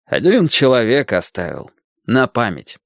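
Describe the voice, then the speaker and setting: A man reading the part of a kindly doctor who talks to a boy in a slow, familiar, fatherly way. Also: medium pitch, wildly swooping pitch, vocal fry, no room sound, studio quality, heavily acted. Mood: friendly.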